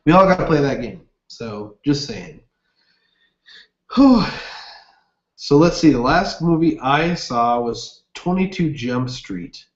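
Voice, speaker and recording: Speaking slowly with long pauses, this young livestream host has an expressive voice on the high side. He rambles upbeat with lots of fillers through a casual gaming stream, reading viewer comments, and the webcam audio is roomy, dull, and lo-fi.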